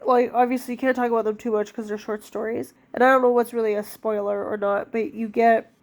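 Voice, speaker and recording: A woman's voice: on the high side, level tone, fairly quick. A woman in her thirties with a stuffed-up cold, chatting casually about books as a vlogger, rambling with lots of fillers. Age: 30s. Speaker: book vlogger. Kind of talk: casual chat.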